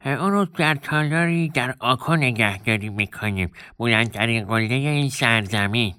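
A man's voice: mid-range voice, pushed and bright, clear, resonant tone, no room sound, studio quality, pitched above the performer's own voice, natural voice. A man voicing a young male dwarf guide in a storybook, with an eager, reassuring delivery.

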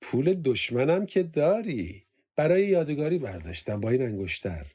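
A man's voice: mid-range voice, sing-song, warm tone, pitched above the performer's own voice. A man voicing a troubled young male soldier who speaks earnestly. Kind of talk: audiobook character voice.

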